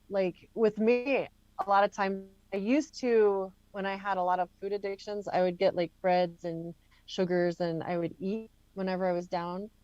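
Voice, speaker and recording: Woman, guest, low voice, chatty, frank, dry lo-fi audio. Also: darkish tone, no echo. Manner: chatty, filler-heavy, frank. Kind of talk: casual chat.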